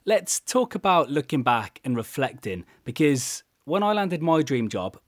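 A man's voice: fairly high pitch, big pitch swings, measured pace, no echo, studio quality. A man interviewing a guest in a conversational way, as a presenter.

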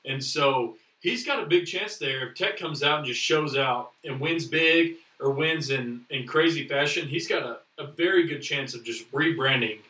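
A man's voice: a little high, moderate pace, hardly any pauses, pushed and bright. A man co-hosting a podcast, rambling through casual sports talk with lots of fillers. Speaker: podcast co-host. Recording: echoey room, distant mic.

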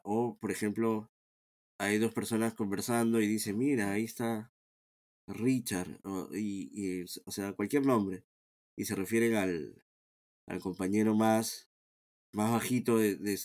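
Calm low-voiced Peruvian man. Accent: Peruvian Spanish. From Peru. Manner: calm, reflective, many restarts and repeated words. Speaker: guest, founder of a sports team. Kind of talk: casual interview conversation.

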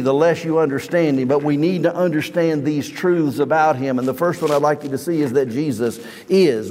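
A middle-aged male pastor delivers a fervent sermon, his fairly high voice surging upward and louder on key points. The sound carries a long reverb from the church hall around him. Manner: fervent preaching, rising high and loud on emphasis. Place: church sanctuary.

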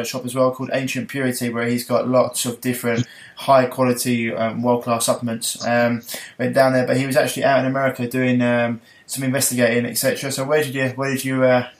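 A man with an Essex accent hosting a podcast in a casual, matey way, often stumbling over his words. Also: mid-range voice. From Essex, England. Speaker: podcast host. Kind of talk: casual podcast intro and interview chat.

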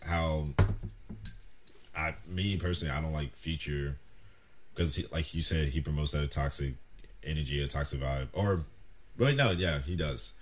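A young man hosting a casual podcast chat, relaxed and joking, often laughing, a bit stuffed up. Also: a bass voice, normal speed, pauses often. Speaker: podcast host.

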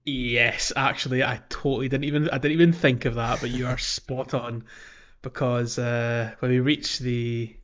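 Chatting about games in a jokey, casual way, this podcast host chuckles often. He speaks at medium pitch and a moderate pace with a level, somewhat bright tone. Background music runs under a slightly muffled recording that has a little hiss or hum.

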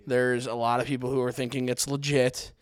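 A man hosts a laid-back podcast, talking in a relaxed, rambling way. His voice is smooth and resonant, and the sound is dry and close with little room echo. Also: mid-range voice, brisk. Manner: relaxed, rambling intro with fillers. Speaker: podcast host. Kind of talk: casual podcast chat. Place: home garage.

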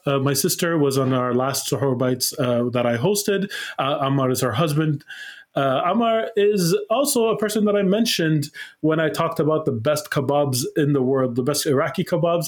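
A man hosting a casual interview, talking in a friendly, easy-going way and laughing often. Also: on the high side. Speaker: host.

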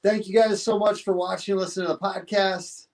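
A man's voice: high voice, little pitch movement, a little fast, slight background noise. A man hosting a podcast, asking questions in a casual, affirming way. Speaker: podcast host. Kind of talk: podcast interview.

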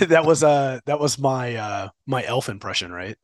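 A man's voice: mid-range voice, animated, unhurried, no room sound, clean studio sound. A man co-hosting a casual podcast chat, teasing his partner in a playful way and now and then bursting into exaggerated enthusiasm. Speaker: podcast co-host.

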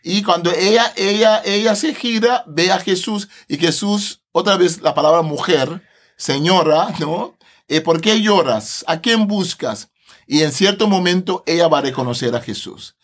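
Brief: male podcast guest, high pitch, animated and laughing, walks through scripture conversationally. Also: normal speed. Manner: animated, laughs often, tags phrases with a questioning "no". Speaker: Bible translator, podcast guest.

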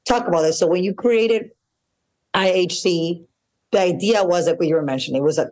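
A woman hosting a podcast, voice a little on the low side, asking long, winding questions with eager appreciation. She talks casually, circling back as she thinks. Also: a little mellow. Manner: enthusiastic and appreciative, rambling questions. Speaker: podcast host. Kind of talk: casual interview conversation.

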